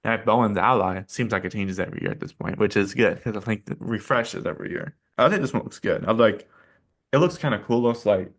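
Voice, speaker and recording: A man's voice: on the low side, brisk. A man hosting his own channel, giving casual reaction commentary in a rambling, hesitant way with many fillers and restarts. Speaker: channel host rating paint schemes.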